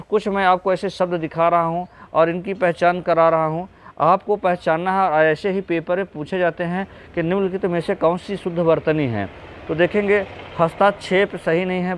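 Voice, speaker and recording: A man's voice: sits high, normal speed. A man teaching an exam-prep spelling lesson, patiently going through correct and incorrect word forms and addressing viewers as friends.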